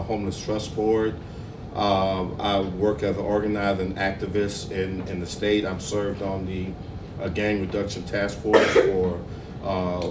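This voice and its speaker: A man talks earnestly on a panel, halting often as he searches for words. His voice is low and level in pitch. He sounds roomy and far from the mic, with noise behind him. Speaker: law student and activist. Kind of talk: panel discussion. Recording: roomy, distant, noisy.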